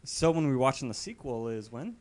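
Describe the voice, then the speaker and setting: A man's voice: medium pitch, big pitch swings, a little fast, a little mellow. A tipsy man on a casual film review panel, blunt and mocking in the way he talks. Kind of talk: casual group chat.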